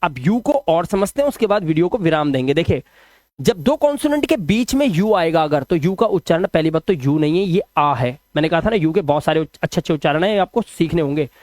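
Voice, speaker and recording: Male tutor, high-ish voice, chatty and explanatory, dry close recording. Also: lively intonation, darkish tone, dry recording. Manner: chatty, repeats example words slowly, addresses viewers as friends and sir. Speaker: English teacher. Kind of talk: spoken lesson on English spelling rules.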